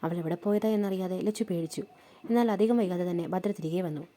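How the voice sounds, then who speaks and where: A woman narrating a scripted love story at a steady storytelling pace. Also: lowish voice, brisk.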